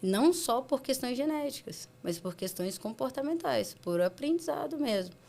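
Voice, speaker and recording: A woman pediatrician with a Brazilian accent, explaining calmly in a casual interview and acting out parents in quick asides. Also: high-pitched, creaky. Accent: Brazilian Portuguese. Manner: animated, acts out parents and children in quick asides. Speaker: pediatrician guest.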